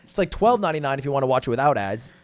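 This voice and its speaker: A man giving animated opinion commentary in a blunt, exasperated manner, swearing often. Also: mid-range voice, racing, no room sound. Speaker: online commentator.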